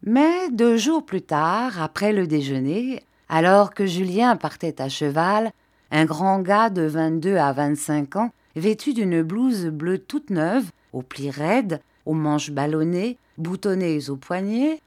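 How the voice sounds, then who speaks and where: A woman narrating a classic novel as an audiobook, with expressive storytelling. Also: fairly low pitch, slow. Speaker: audiobook reader.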